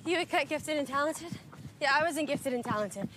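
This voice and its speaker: A woman's voice: high-pitched, lively intonation. An actress playing a driven, blunt young female student, out of breath from jogging in a film. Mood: breathless. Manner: quick, blunt, exasperated questioning. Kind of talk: film dialogue. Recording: outdoor noise audible.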